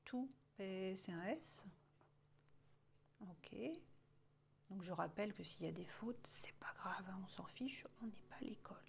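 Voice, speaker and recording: A woman's voice: medium pitch, gravelly, a little hiss or hum. A woman leading a self-help exercise, thinking aloud as she writes and often dropping to a murmur or whisper. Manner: slow, musing, often drops to a murmur or whisper while writing. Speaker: self-help workshop guide. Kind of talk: guided exercise, thinking aloud while writing. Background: classical music playing.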